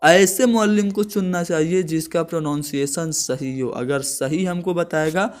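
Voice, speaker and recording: A man's voice: a little high, normal speed. Man giving a point-by-point lecture. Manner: explains point by point, asks and answers own questions. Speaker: teacher. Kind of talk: classroom-style lecture.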